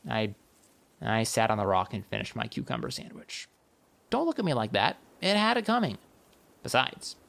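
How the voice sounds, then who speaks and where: Wry and expressive, a male narrator tells a first-person comic fantasy story for an audiobook. He speaks in a mid-range voice with noticeable vocal fry.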